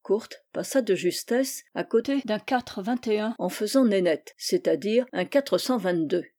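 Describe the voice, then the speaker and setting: A woman reading a novel aloud as an audiobook narrator, in a calm, even storytelling manner. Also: medium pitch, measured pace. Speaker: audiobook reader. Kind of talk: scripted narration.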